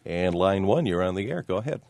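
A man hosting a call-in radio talk show, speaking in a smooth radio host manner from a studio microphone. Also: sits low, lively intonation, fairly quick, darkish tone, dry recording.

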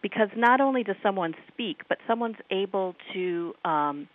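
Over a tinny phone line, a professor from the United States with a Midwestern American accent responds to a call-in radio host's questions. She speaks at medium pitch and normal speed with lively intonation, in a considered, academic style full of ums.

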